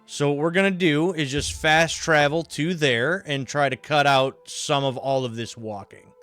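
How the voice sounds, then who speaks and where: A man's voice: on the high side, fairly even intonation, normal speed, a bit bright, dry recording, soft background music. Tired man streaming over a headset. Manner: rambling, thinking aloud with many fillers. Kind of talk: casual gameplay commentary. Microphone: livestream headset mic.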